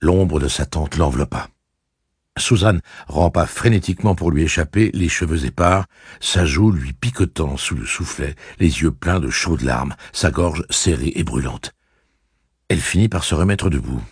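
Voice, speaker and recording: A man narrating a novel with expressive storytelling. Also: a bass voice, normal speed, husky, no room sound, studio quality. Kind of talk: audiobook narration.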